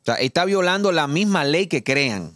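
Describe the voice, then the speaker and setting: A man's voice: a little high, sing-song, fairly bright tone, no room sound. A man with a Dominican accent giving emphatic, indignant political commentary on a studio talk show. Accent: Dominican Spanish. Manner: indignant, emphatic, reads law text slowly and deliberately. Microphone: studio mic.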